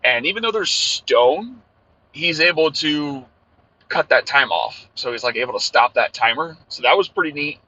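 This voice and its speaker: A man's voice: on the high side, expressive, moderate pace, sharp tone. A man rambling casually while he drives, reviewing an episode. His voice has a tinny, tin-can sound from a poor recording in a car. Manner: loose and rambling, many fillers. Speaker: anime reviewer.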